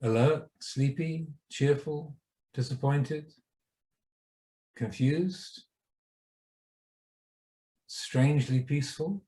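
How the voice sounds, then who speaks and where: A meditation teacher with a warm, slightly high voice leads a guided session. He speaks in short, unhurried phrases separated by pauses.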